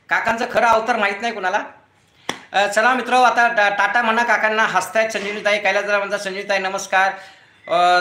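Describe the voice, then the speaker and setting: In a reverberant room with a little hiss or hum, a middle-aged YouTube host speaks in a high-pitched voice during a casual home live stream. Sitting beside his front door, he chats away, reads comments aloud, and warmly thanks each viewer he greets by name.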